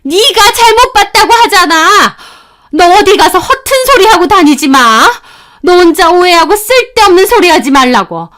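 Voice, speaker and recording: A woman acts out a hypocritical woman teacher in a spoken story drama. Her voice sits high and she talks in a soft, coaxing way that hardens into scolding. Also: animated, normal speed. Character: hypocritical female academy teacher, sweet turning menacing. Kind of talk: acted story dialogue.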